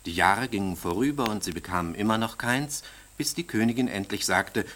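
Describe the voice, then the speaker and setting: A man reading a fairy tale aloud in a calm, measured storytelling manner. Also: on the low side.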